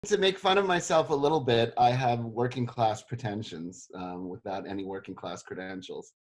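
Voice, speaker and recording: A middle-aged man from South Africa answers interview questions in a relaxed, self-deprecating way. His voice sits at an ordinary middle pitch, and his talk is loose and full of ums and uhs. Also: normal speed. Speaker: history professor interviewed.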